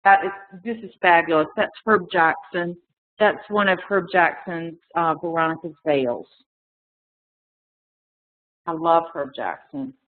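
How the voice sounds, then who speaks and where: A woman with a lowish voice speaks a little slowly, pausing at length. As an art collector in a casual webinar, she rambles, restarts often, leans on fillers, and is clearly losing her voice. It's all heard over a thin video-call connection from a room with echo.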